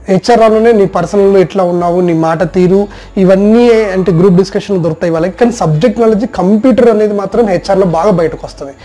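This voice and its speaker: A man working as a soft skills trainer, giving a direct instructional talk about job placement rounds. He speaks straight to the listener and runs through long lists of points. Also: high voice.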